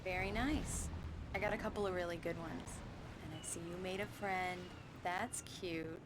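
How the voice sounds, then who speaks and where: A woman playing a warm, playful wife in a video game, with a soothing, gently reassuring way of talking. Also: on the low side, fairly even intonation, normal speed, noisy background, natural voice.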